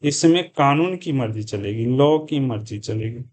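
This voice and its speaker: A man's voice: medium pitch, measured pace, darkish tone, slight background noise. A male commerce teacher lecturing a class, asking questions and answering them himself, repeating key terms and mixing English words into his speech.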